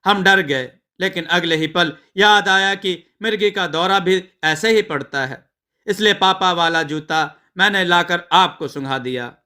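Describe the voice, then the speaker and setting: Male narrator as a simple, earnest village bride, light and bright-toned. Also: sits high, a little slow, clean tone. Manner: earnest, rustic village speech. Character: naive young village bride.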